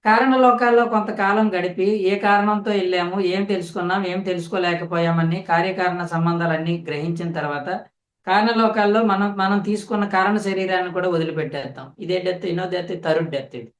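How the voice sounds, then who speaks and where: Man, spiritual teacher, slightly high voice, repeats himself to drive points home, roomy echo. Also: steady tone, a bit bright. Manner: explains slowly with repetition; addresses listeners directly. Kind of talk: spiritual discourse.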